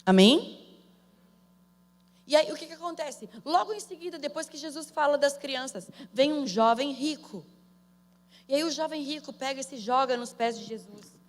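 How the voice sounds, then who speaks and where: A woman's voice: high-pitched, animated, normal speed. A woman with a Brazilian Portuguese accent preaching a sermon in a conversational way, calling out to her listeners. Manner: conversational, calls to the audience for amen. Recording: long hall reverb.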